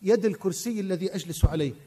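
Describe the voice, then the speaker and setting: A hushed, tearful old Egyptian father pleads in an Egyptian accent, as a preacher puts him on. The voice is high for a man, even when it sinks low. A long reverb trails behind it. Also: very fast, lightly acted.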